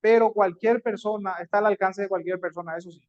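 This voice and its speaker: A high-voiced man gives a chatty online lecture, pausing on fillers and restarting his phrases. The audio is dull and lo-fi. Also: steady tone. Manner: conversational, with many fillers and restarts. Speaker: teacher.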